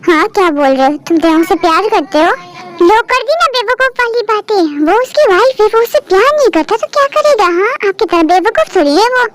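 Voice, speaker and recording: A woman voicing a scornful, sharp-tongued young woman. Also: very high-pitched, lively intonation, a little fast. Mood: mocking. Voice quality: mocking, sharp.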